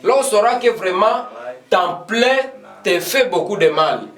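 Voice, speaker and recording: High-voiced man teaching from afar. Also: lively intonation, fairly bright tone, faint music behind. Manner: repeats phrases slowly, switches between French and English. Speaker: English teacher. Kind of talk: classroom lesson at a board. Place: classroom with a board. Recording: echoey room, voice from far off.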